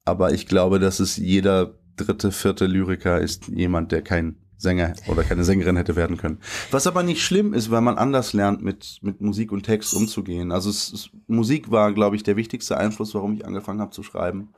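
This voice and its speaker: A man who is a poet, talking thoughtfully about his writing in an interview, with some halting restarts. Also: low-pitched, a little mellow. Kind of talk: conversational interview, then poetry reading.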